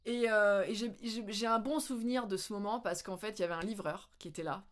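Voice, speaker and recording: A French woman vlogging, telling anecdotes in a casual, animated way with lots of laughter. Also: mid-range voice, brisk. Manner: animated, laughing, with playful English mimicry. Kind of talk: casual storytelling.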